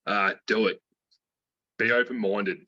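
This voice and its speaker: Kiwi guy in his 30s chatting in an interview, slangy, lowish bright voice, dull dry audio. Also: steady tone, a little slow, no echo. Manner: laid-back slangy speech, uses "dude" and "mate". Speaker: interviewee, programme graduate. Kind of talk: casual interview testimonial.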